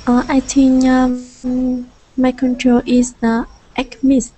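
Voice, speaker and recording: A woman's voice: high voice, monotone, slow, mellow, slight background noise, rough recording. A woman from Vietnam speaking hesitant English over a video call, spelling words out. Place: indoor room, video call.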